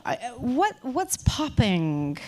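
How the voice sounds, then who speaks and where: A woman from the United States moderating an onstage interview, upbeat and quick to interject and agree. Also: on the high side, wildly swooping pitch. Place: stage at a film festival market.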